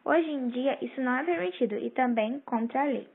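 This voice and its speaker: A woman's voice: sits high, fairly quick, vocal fry, breathy edge. A woman answers a school question in a casual read, with small restarts. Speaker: student guest answering a question. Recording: tinny phone-quality audio.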